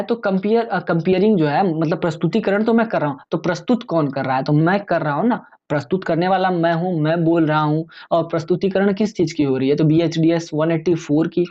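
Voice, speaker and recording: A man explaining exam topics in a relaxed, conversational lecture, addressing viewers as friends. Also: fairly high pitch, highs cut off. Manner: chatty, many fillers and restarts. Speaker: exam tutor.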